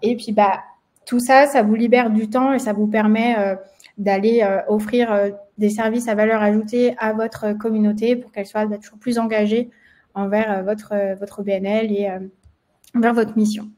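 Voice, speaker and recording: A woman's voice: medium pitch, level tone, moderate pace, a little mellow. A woman with a French accent hosting a live webinar, with lots of fillers and restarts and a slight frog in her throat. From France. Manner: many fillers, hesitant restarts. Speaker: webinar host, marketing manager.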